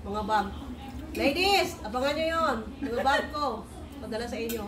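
A woman's voice: on the high side, expressive, normal speed. Filipina woman talking while chewing. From Philippines. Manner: chatty, addresses viewers as guys. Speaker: vlogger. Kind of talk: casual mukbang vlog chat. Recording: echoey room from far off, crowd noise.

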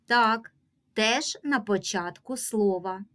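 Teaching young children to read, a Ukrainian-accented woman stretches each example word slowly and gives instructions with patience and a clear pace. Her voice is mid-range and a bit bright.

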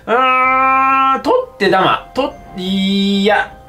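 A man's voice: very high voice, slow, pushed and bright. A tipsy young man chatting casually and rambling in slangy speech as he livestreams a game over drinks. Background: game music.

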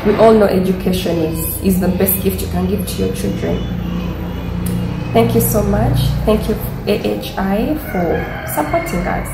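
A woman's voice: medium pitch, normal speed. A woman from northern Uganda in her thirties, a mother giving an earnest testimonial to camera indoors. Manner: earnest, appealing. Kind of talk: speaking to camera. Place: indoor room with a standing fan. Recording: echoey room with music behind.

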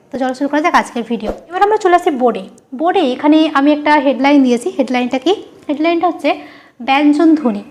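A woman teaches a grammar lesson at a board in a high voice. She keeps asking her students questions and then answering them herself, repeating each key term so it sticks.

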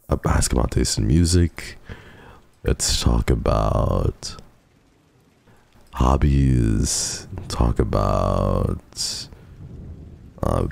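A man giving casual, excitable commentary while playing a game, gushing over it and swearing a lot. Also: a bass voice, vocal fry. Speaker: streamer.

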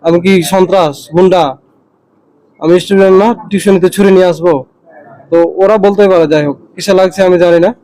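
A man's voice: sits high, steady tone, brisk, warm tone, rough recording. A young man, a university student, giving an earnest first-person account with frequent restarts. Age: young adult. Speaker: university student recounting an attack.

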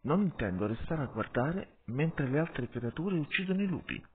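A man's voice: sits high, very animated, a little slow, slight background noise, voice pushed up. A man voicing a defiant young wolf who bursts out indignantly, in an audiobook with tinny sound. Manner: outburst, indignant.

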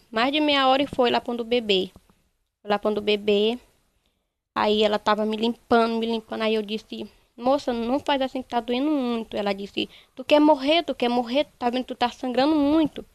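A young woman, giving a halting, repetitive first-person account in a news interview. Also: fairly high pitch, level tone, vocal fry, clear, resonant tone, no echo. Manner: halting, repetitive retelling, quoting others. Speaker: interviewee, bereaved mother.

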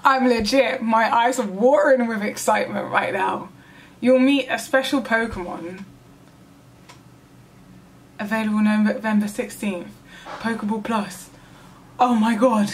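A woman gaming vlogger reacting live to a trailer, gushing and excitable, with squeals and gasps. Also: fairly high pitch, measured pace, long pauses, a little hiss or hum.

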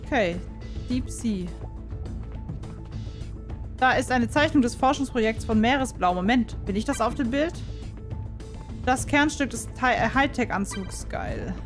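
A woman doing casual gameplay commentary, excitable and quick to yelp in alarm, who also reads the game's dialogue aloud. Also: a little high, faint music behind. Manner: excitable, frequent startled exclamations. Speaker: let's play gamer.

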